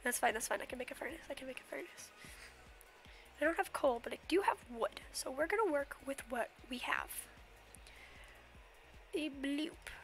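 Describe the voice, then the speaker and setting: Streaming a game from her bedroom, a young woman rambles casually, hums silly nonsense sounds, and sniffles a bit from a cold. Her high voice is expressive and moderately paced, with long pauses over soft background music.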